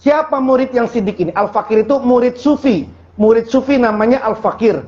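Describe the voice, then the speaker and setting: A man with a notably high voice gives a relaxed Sufi sermon. He talks in plain colloquial speech, cracks jokes and keeps throwing questions at his listeners. The recording sounds dull and lo-fi. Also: brisk. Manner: colloquial, joking, asks the audience questions. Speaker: Islamic preacher.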